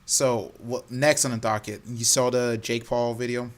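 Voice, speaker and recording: A man co-hosting a gaming podcast, telling stories in a loose, laughing, animated way. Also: mid-range voice, unhurried, soft background music. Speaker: podcast co-host. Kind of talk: casual chat.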